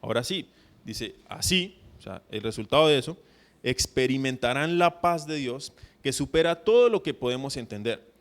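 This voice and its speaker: This pastor's mid-range voice is expressive and moves at a normal speed as he preaches. He speaks conversationally, checks in with his audience again and again, and performs mock prayers in an affected voice.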